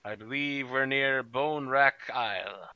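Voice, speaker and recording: A man's voice: mid-range voice, slow pace, pushed and bright, clean tone, no room sound, muffled recording, voice pushed up. A man voicing a self-important pirate captain in his twenties who tries to sound imposing, in a tabletop game. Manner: pompous, trying to sound imposing.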